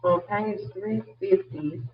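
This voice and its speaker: Male nursing instructor, online lecture, husky high voice, explanatory with light humor, tinny lo-fi sound. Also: slow. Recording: tinny phone-like audio.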